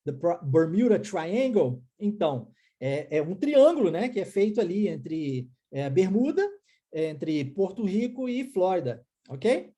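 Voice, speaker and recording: A woman's voice: on the low side, big pitch swings, unhurried, dark tone, husky. A woman with a Brazilian Portuguese accent teaching an online English lesson, explaining step by step and often checking in with short questions.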